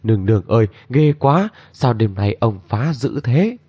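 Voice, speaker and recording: A man voicing a gentle young maidservant who pleads reverently with her mistress, on a dull lo-fi recording. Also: lowish voice, lively intonation, normal speed, breathy edge, dry recording, clean studio sound. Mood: frightened.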